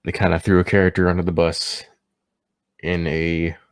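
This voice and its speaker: A man's voice: sits low, level tone, moderate pace. A man giving a casual, unscripted movie review, sounding tipsy as he stumbles over words and catches himself.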